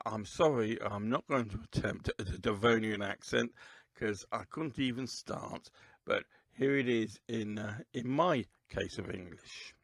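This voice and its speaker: Slow, gravelly man hosting a podcast. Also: medium pitch, fairly bright tone, dry recording. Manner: measured, deliberate, with occasional "uh" pauses. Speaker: podcast host. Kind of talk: solo history podcast talk.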